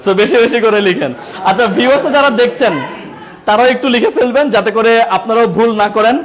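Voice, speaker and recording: A man's voice: very high voice, quick pace. A man with a Bangladeshi Bengali accent teaches a room of teachers, drilling them with call-and-response questions and joking with them. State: sweating. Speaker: teacher trainer. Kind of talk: classroom teaching. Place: training classroom.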